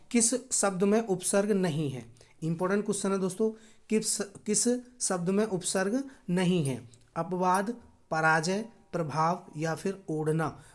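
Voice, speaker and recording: Low-voiced woman teaching grammar. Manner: addresses viewers as friends, asks and answers own questions; drops low and soft on key answers. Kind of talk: exam-prep lesson.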